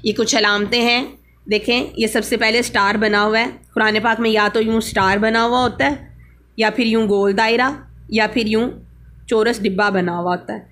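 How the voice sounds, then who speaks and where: Woman teaching Quran pause marks. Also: a little high, fairly even intonation, a bit bright. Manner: explains slowly, repeats key rules. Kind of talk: religious lesson.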